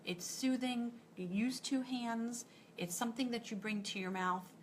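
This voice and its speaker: A woman's voice: on the high side, measured pace, slight background noise. Encouraging New York woman coaching. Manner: direct, encouraging, strings thoughts with "and so". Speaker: nutritionist coach. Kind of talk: live coaching talk to an online group.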